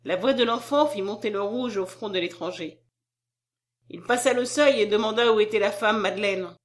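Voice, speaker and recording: Measured female audiobook narrator. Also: medium pitch. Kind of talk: scripted narration of a classic novel.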